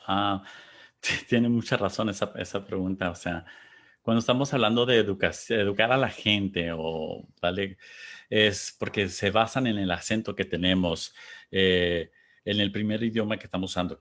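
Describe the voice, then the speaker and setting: Guy interpreting in an interview, lowish voice, kinda halting, hunting for words. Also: fairly bright tone.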